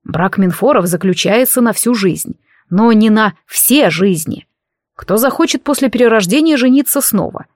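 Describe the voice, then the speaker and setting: A woman voicing a centuries-old male warlock king in an audiobook, speaking slowly and intimately in a teasing, possessive tone. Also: a little high, animated, darkish tone, no echo, clean studio sound. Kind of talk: audiobook character reading.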